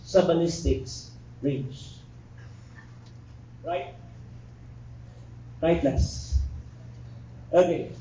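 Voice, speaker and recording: A middle-aged man from the Philippines leads a criminology review class, moving between terms and jokey asides. His voice sits a little high and carries through a reverberant classroom. It is picked up from a distance with a faint hiss underneath. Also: warm tone. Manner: joking asides, keeps checking in with the class. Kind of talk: classroom lecture. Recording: echoey room recorded from far off, faint background noise.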